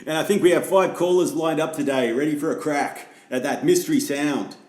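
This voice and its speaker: A man playing a smooth radio host, echoey. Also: fairly high pitch, a little fast, a little mellow, natural voice. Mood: upbeat. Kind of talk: parody radio show.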